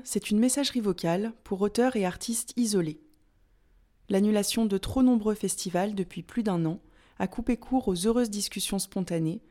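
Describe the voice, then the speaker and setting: A woman host reads a scripted introduction in a calm, even way. Her voice is warm and dark-toned, at a middle pitch. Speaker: podcast host. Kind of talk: scripted narration.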